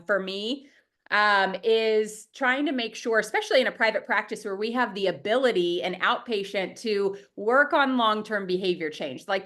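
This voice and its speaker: A dietitian who runs private practices answers interview questions as a guest on a video call. She has a head cold and sounds a bit sniffly, yet talks enthusiastically, openly and at length. Her voice is medium-pitched with a sharp tone.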